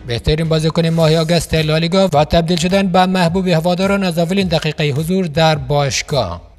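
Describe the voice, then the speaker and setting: A man narrating scripted football news in a formal newsreader manner, as a studio voice-over. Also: fairly high pitch.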